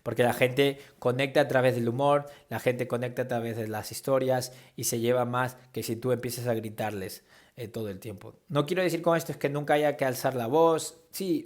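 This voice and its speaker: A man's voice: medium pitch, a little mellow. Spanish man teaching public speaking. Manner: conversational, demonstrates tones and gestures while explaining. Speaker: preaching workshop teacher. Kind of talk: instructional talk on public speaking.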